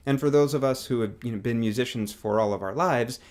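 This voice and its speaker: A man teaching singing with a guitar, explaining in a relaxed, casual way, with guitar playing under his voice. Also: mid-range voice, fairly quick. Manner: relaxed explaining, demonstrating on guitar, hums along with notes. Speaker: music teacher.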